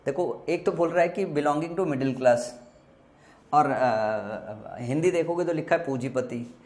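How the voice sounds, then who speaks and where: Male teacher whose first language is Hindi, patient and repetitive, spells words aloud; voice a bit high, recorded in an echoey room. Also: a little mellow. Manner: explains slowly with repetition and spelled-out letters. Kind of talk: exam vocabulary lesson.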